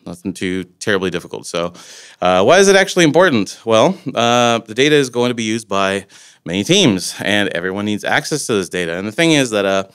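This forties-aged Latvian conference speaker has a fairly low, clean, slightly bright voice that is very animated and a little fast. His casual technical talk, given indoors at a podium mic, wanders loosely and is packed with fillers.

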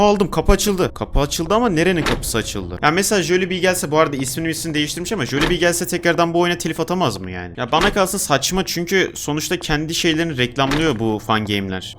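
Fast-talking young man narrating a game. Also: on the high side, noisy background. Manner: talks to himself while playing, reads game notes aloud; gets loud and frantic when chased. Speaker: gaming YouTuber. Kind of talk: let's play commentary.

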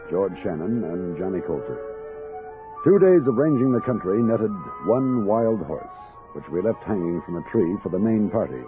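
Deep-voiced Captain Clark, frontier explorer. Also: male voice. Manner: measured, matter-of-fact storytelling. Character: frontier army captain explorer, calm, kindly, capable. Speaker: narrator and lead character. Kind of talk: 1960s radio drama acting and narration. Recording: dull old radio recording.

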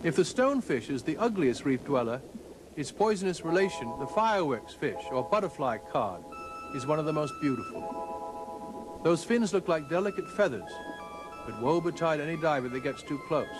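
A man narrating a scripted nature documentary in a measured, formal storytelling manner. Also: on the high side, very animated, rough recording. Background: background music.

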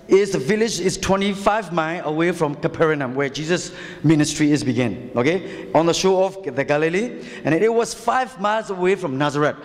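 A male pastor delivers a sermon with a notably high voice. He speaks haltingly, repeating words and asking his listeners questions. The recording carries a long church hall reverb. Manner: halting, repetitive, asks rhetorical questions.

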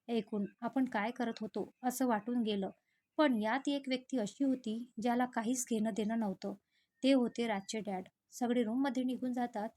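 A woman reading a scripted family story aloud in a steady, even storytelling manner. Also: fairly high pitch.

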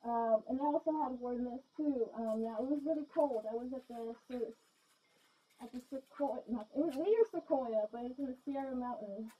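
A woman's voice: a little high, moderate pace, husky. Giggly woman talking through a gas mask. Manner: chatty, many fillers, giggly. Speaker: vlogger. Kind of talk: casual rambling chat to camera. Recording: dull lo-fi sound.

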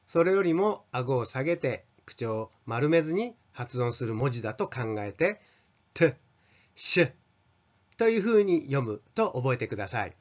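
A man's voice: mid-range voice, sing-song, moderate pace, few pauses, darkish tone. An older Japanese man teaching an English pronunciation lesson, carefully modelling sounds for students to repeat. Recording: slightly dull lo-fi sound.

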